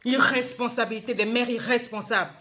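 A woman's voice: on the high side, fairly even intonation, a little fast, bright, forceful tone. A woman life coach, scolding her viewers in a live-streamed motivational talk, emphatic and full of rhetorical questions.

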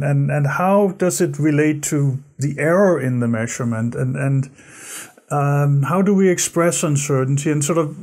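A man's voice: a little high, a little mellow. A middle-aged man from Denmark, an instructor giving a recorded course lecture to camera in a studio, gesturing and often repeating words as he explains.

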